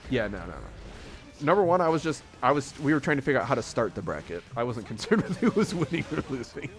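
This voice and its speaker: A man's voice: medium pitch, sing-song, quick pace, faint music behind. A man casually commentating a live fighting-game tournament, rambling and chuckling often.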